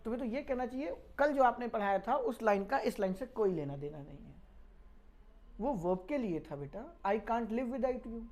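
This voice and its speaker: A woman's voice: a little high, lively intonation, moderate pace, a little mellow. A woman teaching English grammar in a lecture, scolding and teasing her students. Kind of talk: classroom lecture.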